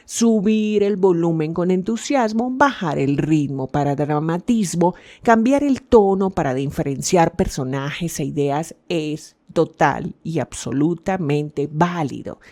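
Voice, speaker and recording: A woman hosting a podcast as a public speaking coach, giving a scripted talk with emphatic delivery, lively shifts of tone and dramatic drops in her voice. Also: low-pitched, unhurried, hardly any pauses.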